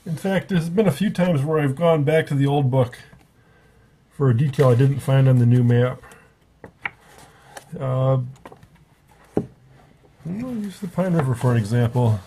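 A man's voice: medium pitch, unhurried, creaky, long pauses, mellow, a little hiss or hum. A man giving a casual, rambling spoken review at a table, often correcting himself as he goes. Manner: rambling, self-correcting, offhand. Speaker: book reviewer.

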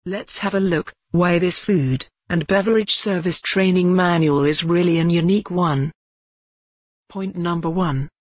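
A woman narrating a scripted promotional voice-over for a training manual, reading out a list of selling points in a steady pitch. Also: measured pace, dry recording.

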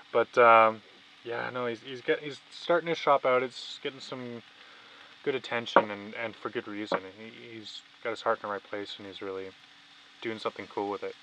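A young Canadian vlogger in his 20s to early 30s chats casually inside a small, parked camper van. His mid-range voice is bright and forceful, with fairly even intonation and a moderate pace, and the poor audio carries background noise from the van.

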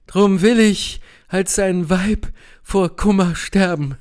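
A man's voice: high-pitched, slow pace, darkish tone, voice pushed up. A man voicing a passionate young noblewoman, fiery and grieving, in an audiobook reading with impassioned outbursts. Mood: indignant.

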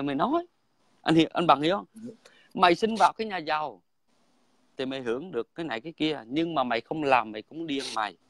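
A man's voice: on the high side, fairly bright tone, no echo. Blunt man, dry sound. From Vietnam. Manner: blunt, crude, repeats "right?". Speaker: guest in online livestream chat. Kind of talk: heated casual talk.

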